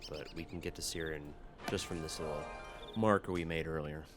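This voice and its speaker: A man's voice: a bass voice, steady tone, fairly quick. A man giving casual commentary as he hosts a video game playthrough. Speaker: gamer, playthrough host. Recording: loud game music behind voice.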